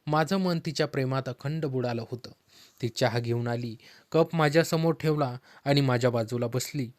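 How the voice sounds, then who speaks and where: A man narrates a heartfelt story in the first person, calm and steady, at a middle pitch. The voice sounds dry and close, with no room around it. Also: normal speed, dry recording.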